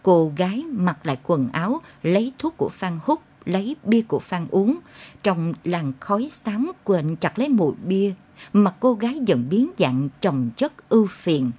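A woman narrating a dark literary story in an intense, expressive way. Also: medium pitch, a little slow, husky. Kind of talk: dramatic audiobook narration.

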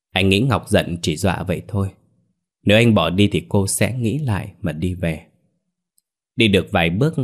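A man narrating a ghost story in a steady, dramatic way. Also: sits low.

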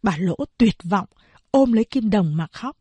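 A woman narrating an audiobook of a novel in a slow, steady storytelling voice. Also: medium pitch, slightly rough, no room sound.

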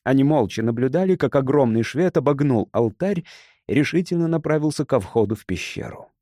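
A man's voice: mid-range voice, dark tone, no room sound. A man narrating an adventure audiobook in a dramatic, tense storytelling manner, close to the mic. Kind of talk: scripted narration.

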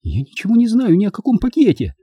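A man's voice: wildly swooping pitch, brisk, mellow, husky, no room sound, dull audio, heavily acted. A man voicing a panicky, pleading young woman. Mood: tearful. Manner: high-strung, pleading. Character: frightened tearful young woman. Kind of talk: audiobook character voice.

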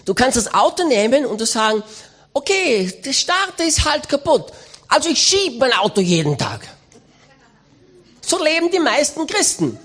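High, lively-voiced woman preaching. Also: moderate pace. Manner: emphatic, exhorting. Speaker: voice-over of a preacher's sermon. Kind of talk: sermon.

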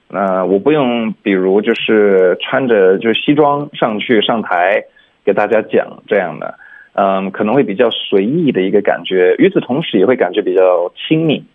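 A man with a lowish, husky voice, heard through a thin, phone-like radio line. He explains word sounds and meanings in a relaxed, unhurried manner, slipping English words in as he teaches. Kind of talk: radio language lesson, explaining pronunciation.

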